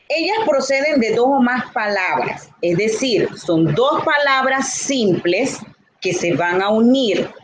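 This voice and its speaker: A woman teaching a Spanish grammar lesson, talking slowly and deliberately and repeating key points. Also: a little high, a little hiss or hum, poor audio. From Dominican Republic.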